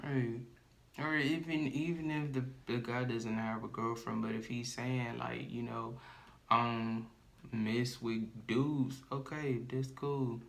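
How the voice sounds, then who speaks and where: A man co-hosting a podcast in casual chat, slow and thoughtful, with many fillers and hedges. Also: medium pitch, steady tone, gravelly, fairly bright tone. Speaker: podcast co-host.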